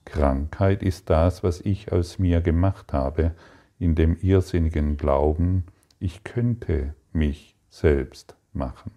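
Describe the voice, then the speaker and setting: A man leads a meditative spiritual talk in a very low, dark and mellow voice. He speaks slowly and gently, with long calm pauses between thoughts. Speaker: spiritual teacher.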